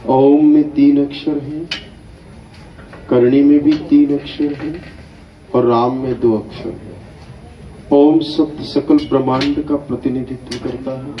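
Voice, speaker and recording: A man acting as a guru at an initiation ceremony, giving slow, deliberate spiritual instruction and often checking that listeners follow. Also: medium pitch. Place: hall at an initiation gathering. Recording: echoey, dull, distant hall recording.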